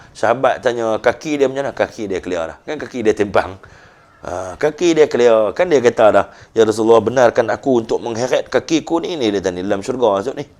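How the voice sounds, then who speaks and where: Male religious teacher, northern Malaysian accent, animated storyteller voice for a youth talk. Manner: animated storytelling, voicing quoted figures with rising pitch.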